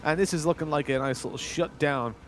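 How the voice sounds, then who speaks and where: A man's voice: a little high, slight background noise. A man giving chatty, jokey color commentary on an esports match. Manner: chatty, jokey, quick bursts of excitement. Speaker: esports co-caster.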